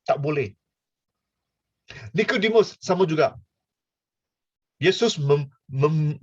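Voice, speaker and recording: A man's voice: a little high, darkish tone, breathy edge, dry recording. An older man preaching, stammering, full of fillers and playful asides. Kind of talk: sermon. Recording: dull lo-fi sound, dry.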